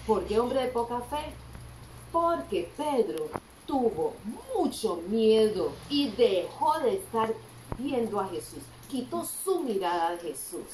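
Animated school teacher. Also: female voice, a little high, takes it slowly. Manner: animated storytelling, asks children questions. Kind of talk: children's Bible story lesson. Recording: roomy echo, distant mic, faint background hum.

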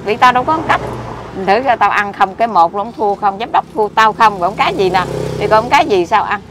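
A middle-aged woman with a Southern Vietnamese accent, rambling excitably and scolding in a street conversation. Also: medium pitch, brisk. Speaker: interviewee. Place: outdoors by a street. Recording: loud street traffic behind.

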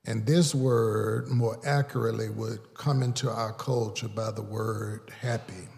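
A man, preaching a sermon as pastor and calling out to the congregation, often building louder and higher for emphasis. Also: fairly even intonation, measured pace, gravelly. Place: large church sanctuary. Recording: long reverb of a large hall.

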